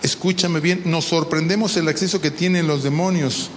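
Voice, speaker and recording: A man's voice: on the high side, steady tone, normal speed, a little hiss or hum. A pastor preaching a sermon in a church, emphatic, quizzing his congregation with questions as he teaches. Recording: long reverb of a large hall.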